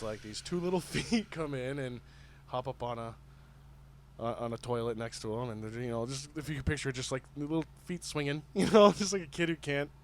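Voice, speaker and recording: A man's voice: medium pitch, slight background noise. A man co-hosting a podcast, telling rambling stories in casual chat, laughing often and swearing freely. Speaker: podcast co-host.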